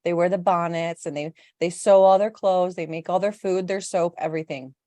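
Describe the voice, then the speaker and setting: A woman with a fairly low voice hosts a podcast in a relaxed, casual chat. She talks playfully with her guest. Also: dry recording. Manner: playful, quick to laugh. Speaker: podcast host.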